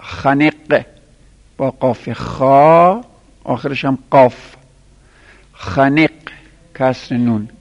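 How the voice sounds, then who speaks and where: A man teaching a class, counting out items one by one and spelling their letters slowly for students to write down. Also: mid-range voice, gravelly. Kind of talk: classroom lesson dictating Arabic verbal nouns. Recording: lo-fi recording in a reverberant room.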